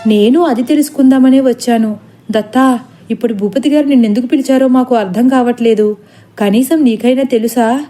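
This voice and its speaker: Lady reading as a grave, scolding village dad, kinda high, soft mellow tone. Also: steady tone, brisk, soft background music, lightly acted. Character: worried middle-aged village father, stern then furious.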